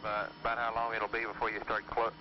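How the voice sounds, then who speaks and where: A male mission controller giving brisk, procedural instructions over a breaking-up space radio link. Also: fairly low pitch, completely flat delivery. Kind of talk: terse radio exchange. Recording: noisy lo-fi archival radio transmission.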